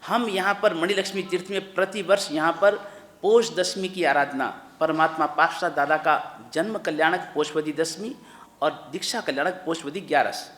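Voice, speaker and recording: A man's voice: fairly high pitch, normal speed, fairly bright tone. A man, a Jain monk, speaks to a congregation with a fervent and repetitive manner, addressing listeners like family. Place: large temple hall. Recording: echoey hall with long reverb.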